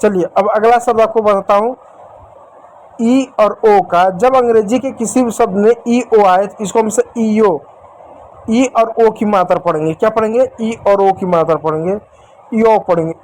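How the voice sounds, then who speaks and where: Somewhat slow and a little mellow, this high male voice belongs to an English teacher giving a whiteboard spelling lesson over rough audio. He calls the viewers dear children, says things more than once, and asks questions he then answers.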